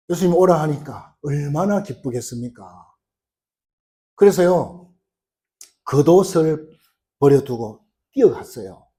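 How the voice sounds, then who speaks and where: In a church sanctuary, a pastor with a warm, somewhat high voice preaches a sermon through storytelling. He uses frequent "uh" fillers, acts out quoted cries, and builds his delivery to rising force.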